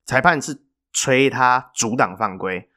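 A man, co-hosting a podcast and telling a story in a chatty, animated way with filler pauses. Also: mid-range voice. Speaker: podcast co-host. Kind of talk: casual storytelling chat.

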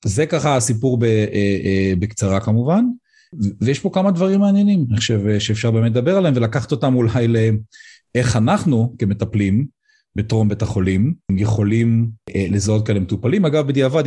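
A middle-aged man, an emergency physician, speaking as a podcast guest and pausing often on "uh" fillers as he talks. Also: medium pitch, animated, mellow, husky. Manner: hesitant, frequent "uh" fillers. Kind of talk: podcast interview, personal account.

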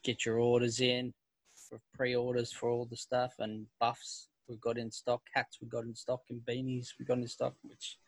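A man's voice: mid-range voice, completely flat delivery, moderate pace, dry recording. An Australian man hosting a casual club podcast, laid-back and calling people mate. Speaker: podcast host.

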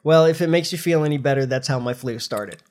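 Still stuffed up from a recent flu, this middle-aged man hosts a podcast and talks fast in a medium, darkish voice. He keeps things casual, running through the news informally.

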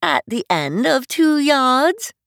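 An imperious storybook chess queen, pitched very high and swooping dramatically. She is bossy and brisk in temper, with emphatic, proper phrasing and formal courtesy. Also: big pitch swings, vocal fry, a bit bright, no echo, clean studio sound, exaggerated voice.

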